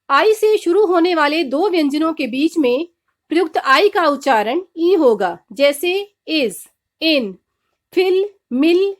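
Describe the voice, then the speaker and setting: A woman teaching English letter pronunciation, slowly and deliberately spelling out letters and listing example words. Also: very high-pitched. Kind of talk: slow instructional explanation.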